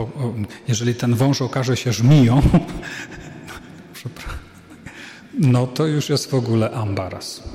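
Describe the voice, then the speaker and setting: A man, a priest, giving an unhurried, conversational sermon-like talk with casual asides. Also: mid-range voice, dark tone. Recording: echoey hall.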